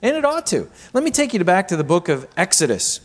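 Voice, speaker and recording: A man's voice: high-pitched, very animated, brisk. A man preaching a sermon as pastor, reading scripture aloud and reflecting on it with rhetorical questions.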